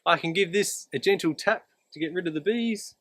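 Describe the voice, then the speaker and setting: Guy with a slightly higher voice doing a practical how-to outside, plain spoken, really dry sound no echo. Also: moderate pace, a bit bright. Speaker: beekeeping instructor. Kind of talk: instructional demonstration, explaining step by step. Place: outdoors beside beehives.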